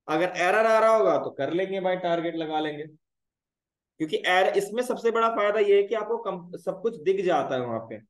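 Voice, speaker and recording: In a live coding class, a man walks through the material step by step, frequently asking "clear, brother?" to make sure his students are following. His voice is high, and the poor audio carries the echo of the room.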